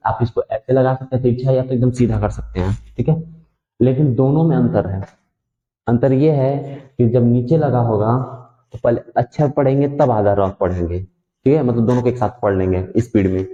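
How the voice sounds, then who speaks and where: A man's voice: mid-range voice, moderate pace, warm tone. A man teaching the alphabet, patiently repeating sounds and checking that students understand. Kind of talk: Hindi alphabet lesson. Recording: echoey room, dull lo-fi sound.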